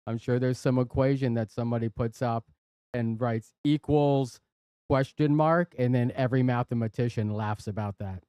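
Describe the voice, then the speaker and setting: A man's voice: mid-range voice, moderate pace, mellow, smooth, no echo. A man hosting a live stream from his workshop, chatting casually and playfully reading out viewer jokes. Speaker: livestream host. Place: workshop and studio.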